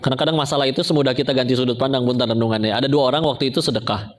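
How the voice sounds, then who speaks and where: A man's voice: mid-range voice, steady tone, racing. A middle-aged man preaching a casual sermon, telling funny stories and acting out the people in them. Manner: humorous, acts out characters in quoted dialogue.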